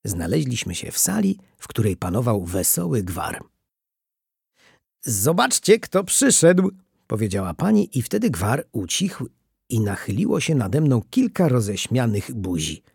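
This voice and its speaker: A man narrating a children's storybook in a lively reading voice, lifting his pitch for the children's lines. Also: moderate pace, gravelly, husky, no echo, studio quality.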